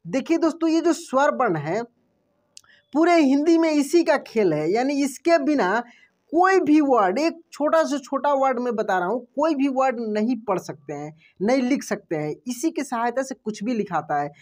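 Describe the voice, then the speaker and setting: A man teaching a language lesson, repeating each example word slowly and clearly and quizzing himself with short questions before answering. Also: very high voice, expressive, a little mellow. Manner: drills words by repeating them with quick self-questions. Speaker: Hindi teacher. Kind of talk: classroom-style lesson.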